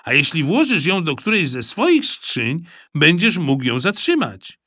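A man's voice: on the high side, big pitch swings, measured pace, bright, forceful tone, dry recording, clean studio sound, voice pushed up, exaggerated voice. A man voicing a clever young boy reasoning persuasively.

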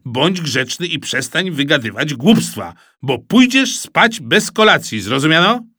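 A man reading an audiobook, voicing an exasperated, shouting middle-aged father in a scolding raised voice. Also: fairly high pitch, big pitch swings, measured pace, dry recording, clean studio sound, full character voice.

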